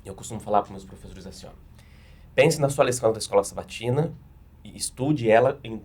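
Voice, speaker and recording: Brazilian pastor guy, quick talker, lays out practical tips step by step. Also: on the low side, lively intonation, darkish tone, breathy edge. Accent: Brazilian Portuguese. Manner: explains step by step with practical examples. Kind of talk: teaching in a panel discussion.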